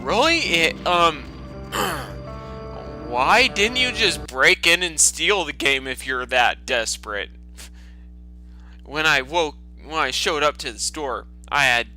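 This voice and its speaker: His voice is on the high side, bright and forceful. As host of a storytime reading series, this man performs a foul-mouthed, sarcastic dramatic reading with exasperated commentary, while a lingering cough affects his throat.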